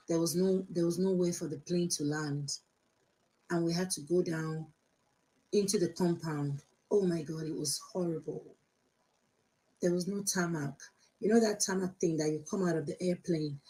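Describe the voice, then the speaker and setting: A Nigerian woman in her fifties chats outspokenly on a live stream, responding to viewer comments and switching between English and Yoruba in her Nigerian accent. Her voice is fairly low and dark, on a rough recording.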